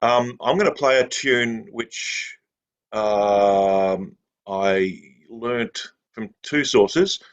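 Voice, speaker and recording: A man from Australia, a fiddler, introducing a tune in a relaxed, rambling way with lots of ums on a video call. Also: on the low side, very slow, clear, resonant tone, dull audio. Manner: rambling, hesitant, many fillers. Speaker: klezmer fiddler.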